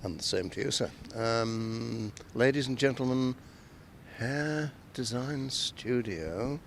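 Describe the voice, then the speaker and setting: A man's voice: medium pitch, slow, gravelly, a little hiss or hum. A man interviewing casually on location, putting short questions and comments. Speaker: radio interviewer.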